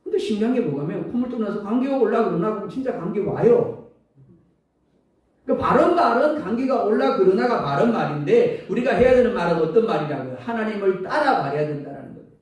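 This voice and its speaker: A male pastor preaching a sermon with an animated delivery, acting out everyday sayings, his throat a little sore. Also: high-pitched, fast. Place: church sanctuary. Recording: echoey church hall from far off.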